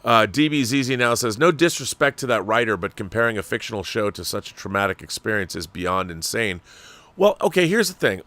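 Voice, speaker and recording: A livestream host from Washington state talks casually in his American accent, reading and answering viewer messages while offering opinions and rhetorical questions. His voice is lowish, expressive and sharp-toned, moving fairly quickly with no echo.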